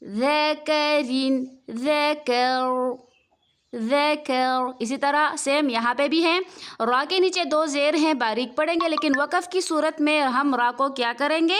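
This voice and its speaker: A woman teaching Quran recitation rules in Urdu with a Pakistani accent, patiently drawing out practice words slowly and asking the listener questions. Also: high-pitched, fairly bright tone. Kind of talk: tajweed lesson with slow drawn-out practice words.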